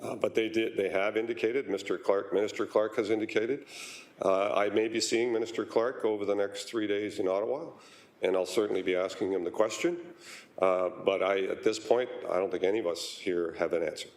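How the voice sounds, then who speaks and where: A man serving as mayor, chairing a city council meeting in a measured way with frequent pauses and fillers. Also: on the low side, fairly even intonation, darkish tone. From Canada.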